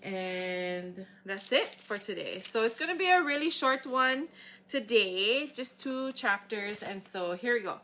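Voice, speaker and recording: A woman speaks in a Hawaiian Pidgin accent at an unhurried, slow pace. She tells Bible stories informally, stopping and picking up again as she reads aloud. Her medium-pitched voice comes with some ambient noise behind it. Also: animated, fairly bright tone, poor audio. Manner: halting, informal reading with re-readings. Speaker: host reading aloud.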